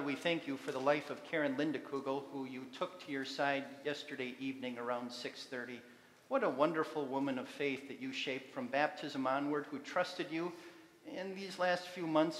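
Pastor with long echoing church reverb. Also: male voice, mid-range voice, fairly even intonation, a bit bright, slight background noise. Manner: measured liturgical recitation. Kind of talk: leading liturgy and prayer. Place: church sanctuary. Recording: echoey church hall with congregation.

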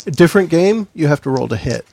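A man acting as game master, casually narrating a tabletop game in a halting way as he searches for words. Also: fairly high pitch, expressive, gravelly, mellow, a little hiss or hum.

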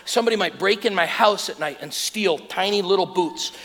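A man in his thirties preaching a sermon, telling stories with animated swings between soft, hushed lows and loud exclamations. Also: fairly quick. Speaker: pastor. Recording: long hall reverb.

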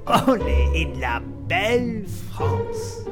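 An actor playing a fussy, flamboyant French revolutionary official in a comic musical, with theatrical, exaggerated delivery over loud music. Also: male voice, high-pitched, wildly swooping pitch, very slow, heavily acted. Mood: showy.

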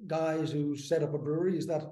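A man in his fifties from the Netherlands, a brewery co-founder, talking as a podcast guest in a halting, filler-filled way. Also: on the high side, steady tone, mellow, echoey room. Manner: halting, many fillers and restarts. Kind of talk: casual interview.

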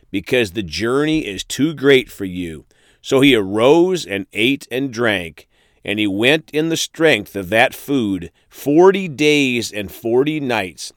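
A man's voice: medium pitch, dry recording, clean studio sound. A man preaching a sermon, reading scripture verses aloud and then speaking to his listeners as friends and folks.

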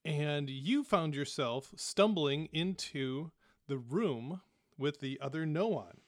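A man narrating a tabletop game as game master, in a relaxed, descriptive way with casual fillers. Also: on the high side, slow, no room sound, studio quality.

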